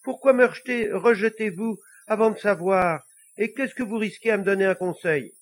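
A man's voice: high-pitched, normal speed, voice pushed up, natural voice. A man voicing a polite little male devil who earnestly pleads to become good, in a storybook reading. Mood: insistent.

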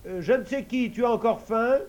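A man's voice: very high voice, fairly quick, a little mellow, highs cut off, pitched above the performer's own voice. A man voicing a simple, cheerful young man in a storybook, speaking in a raised, naive voice.

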